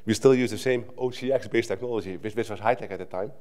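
Middle-aged Dutch man, slightly low voice, chatty conference talk at a lectern mic, restarts a lot. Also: fast, darkish tone. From Netherlands. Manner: conversational, with frequent restarts and filler "right?". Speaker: conference speaker. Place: conference hall stage at a lectern. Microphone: lectern microphone.

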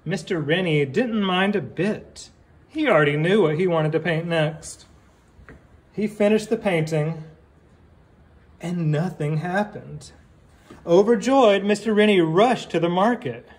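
A man reads a picture book aloud in a deliberate, teacherly way, adding casual asides and questions for young listeners. His voice sits high.

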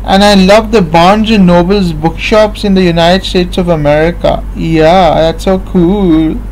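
This late-twenties man from Pakistan vlogs casually into his webcam from an armchair in a small home room, wandering and repeating himself with plenty of filler words. He speaks at a measured, steady pace in a high but somewhat dark voice. Captured up close on the built-in mic, the audio is poor and carries a faint hiss or hum.

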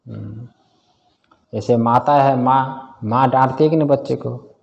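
A man's voice: mid-range voice, measured pace, gravelly, lo-fi sound. A man teaching a scripture class in a casual way, often quizzing his students and chuckling. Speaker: Vedanta teacher.

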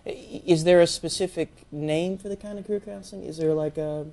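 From a desk on a small TV studio set, a middle-aged man hosts a campus interview show, posing questions playfully and with jokes. His voice sits on the high side, steady and brisk, mellow with vocal fry.

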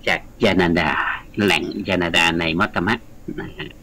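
A man's voice: low-pitched, moderate pace, vocal fry, bright, forceful tone, low-quality recording. A man, a guest scholar, explaining at length in a radio studio interview, chatty and lecturing, with frequent polite particles. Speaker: guest scholar of the Mekong region.

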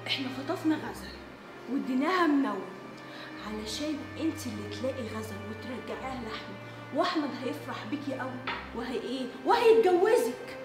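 A greedy, scheming young wife, played by a woman with an Egyptian accent, whose voice is high and bright and comes quickly. She coaxes and commands in the same breath. The recording sounds roomy, with faint music underneath. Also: lively intonation. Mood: conspiratorial. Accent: Egyptian Arabic. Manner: coaxing, then commanding. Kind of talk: amateur web drama acting.

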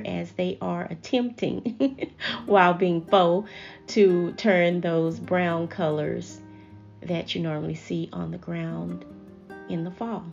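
A woman hosting a home decorating channel, gently chatting viewers through each step in a voice-over. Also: on the low side, vocal fry, lo-fi sound. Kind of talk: voice-over narration of a decorating video.

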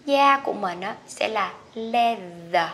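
A woman teaching English pronunciation, saying each word slowly and repeating it clearly for learners. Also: on the high side, pushed and bright, a little hiss or hum. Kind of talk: pronunciation lesson.

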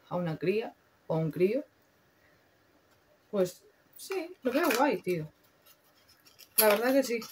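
A woman's voice: fairly low pitch, a little hiss or hum. A young woman with a Spain Spanish accent, chatting casually and slangily through a makeup review, swearing freely. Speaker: beauty vlogger.

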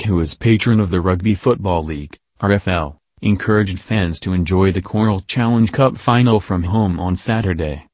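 Low dry male news voice-over. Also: darkish tone, dry recording. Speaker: news narrator. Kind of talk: scripted news narration.

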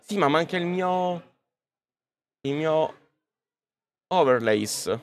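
A man's voice: a little high, animated, extremely slow. A man livestreaming from a booth at a comics convention, talking casually and directly to his viewers through a podcast-style microphone. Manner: chatty, addresses viewers directly. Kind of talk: casual live-stream chat.

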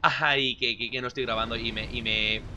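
A young man from giving casual let's-play commentary, excitable and swinging between loud outbursts and muttering. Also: medium pitch, moderate pace, a little hiss or hum. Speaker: gameplay commentator.

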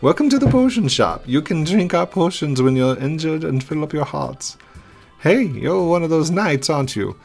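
A man's voice: fairly high pitch, lively intonation, normal speed, creaky, darkish tone, faint music behind, pitched above the performer's own voice. A man voicing a brash, gushing woman who keeps a potion shop in a video game. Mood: brash, flattering. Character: pushy, flattering woman potion shopkeeper.

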